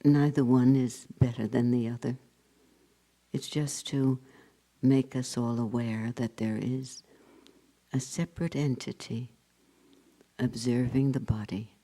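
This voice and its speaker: Speaking at a medium pitch in a steady tone, a man leads a guided meditation as a spiritual teacher. He uses brief phrases separated by long silences, and his sentences trail off into hushed endings.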